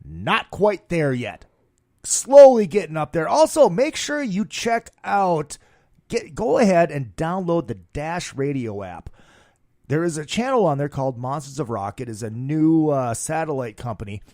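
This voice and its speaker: A hungover man with a fairly high voice hosts a rock podcast. He talks like a brash, slangy showman who swears freely and ad-libs his plugs. The studio sound is close and dry. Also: big pitch swings, a little slow, a little mellow, dry recording. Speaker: podcast host. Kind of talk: loud rock podcast monologue, casual ad-libbed plugs.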